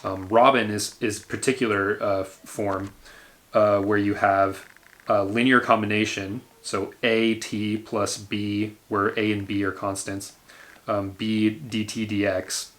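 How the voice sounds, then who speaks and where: A man's voice: on the low side, little pitch movement, takes it slowly, fairly bright tone. A man lecturing a university engineering class, explaining step by step with frequent fillers and restarts.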